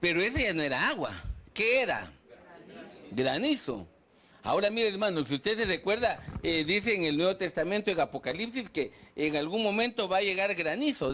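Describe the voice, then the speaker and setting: A man's voice: high-pitched, sing-song, normal speed, bright, forceful tone. A man preaching a sermon, putting questions to the congregation and acting out their complaints. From Guatemala. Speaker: pastor. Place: church.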